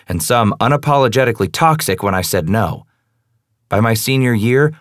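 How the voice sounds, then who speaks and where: A young man narrating a first-person audiobook in a hushed, brooding, intimate tone. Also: deep voice, no room sound, studio quality.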